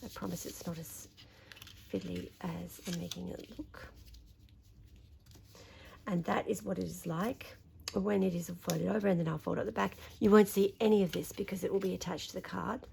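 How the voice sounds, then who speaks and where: Croaky Australian woman demonstrating crafts. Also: fairly low pitch, fairly even intonation, normal speed, a little mellow, slight background noise. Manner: chatty, thinking aloud while working. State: slightly croaky. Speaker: papercraft demonstrator. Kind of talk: craft tutorial narration.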